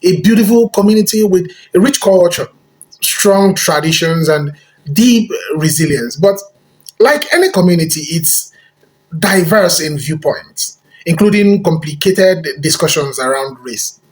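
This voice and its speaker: A narrator reading a scripted commentary segment in a measured way. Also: medium pitch, expressive.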